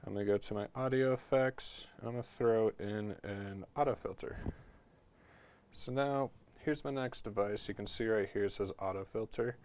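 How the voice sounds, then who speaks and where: Laid-back, low-voiced man demoing studio gear. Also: normal speed. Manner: relaxed, filler-heavy explaining with frequent "like" and "um". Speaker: music production instructor. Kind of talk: casual tutorial walkthrough. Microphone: talkback mic in a studio.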